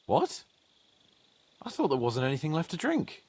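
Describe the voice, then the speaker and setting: A man's voice: fairly high pitch, wildly swooping pitch, normal speed, slightly rough, heavily acted. An actor playing a brash, boastful young nobleman who bristles at being treated like a child, bantering crudely. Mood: wry. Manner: crude, joking, loud banter. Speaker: game character. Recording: game audio with music underneath.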